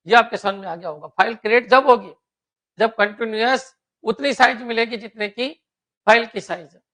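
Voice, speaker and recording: Guy teaching a computer class, keeps asking "clear?". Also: sits high, fairly bright tone, poor audio. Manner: keeps checking students with "clear?". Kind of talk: classroom lecture.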